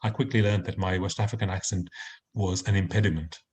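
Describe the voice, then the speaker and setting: A man's voice: deep voice, fairly even intonation, a little fast, darkish tone, slightly rough. A man from Nigeria speaking earnestly as a panelist in an online discussion, restarting phrases as he makes his points.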